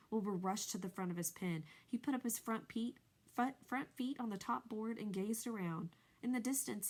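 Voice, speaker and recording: A woman's voice: a little high, darkish tone. A woman reading a storybook aloud, narrating expressively and changing her voice for each animal. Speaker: reader.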